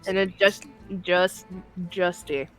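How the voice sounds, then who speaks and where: A woman narrating a tabletop role-playing game as game master in a casual, halting way. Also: fairly low pitch, a bit bright, faint music behind, low-quality recording.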